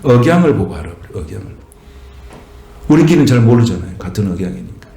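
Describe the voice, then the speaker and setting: A man's voice: very animated, vocal fry, warm tone. Jeolla-accented male pastor, echoey church. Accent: Jeolla Korean. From Jeolla, Korea. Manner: emphatic preaching, swelling higher and slower on key phrases. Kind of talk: sermon. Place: church sanctuary.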